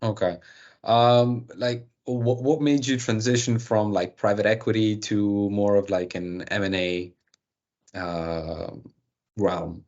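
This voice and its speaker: A man's voice: fairly low pitch, flat delivery, takes it slowly, a little mellow, lo-fi sound. A young adult man hosting an interview, asking questions with many fillers and restarts. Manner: hesitant, filler-heavy questions. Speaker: host.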